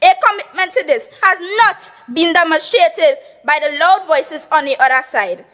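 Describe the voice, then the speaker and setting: High-voiced Tobagonian woman giving a speech. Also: fairly bright tone. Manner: measured, oratorical, slips into local dialect for emphasis. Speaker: youth assembly member. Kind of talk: formal parliamentary speech. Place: assembly chamber.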